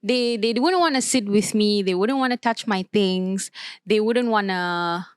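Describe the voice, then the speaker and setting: A woman's voice: mid-range voice, a little slow, clear, resonant tone, dry recording, clean studio sound. Chatty young woman. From Malaysia. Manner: chatty, frequent filler "like", restarts. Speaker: panel guest. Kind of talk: casual panel discussion.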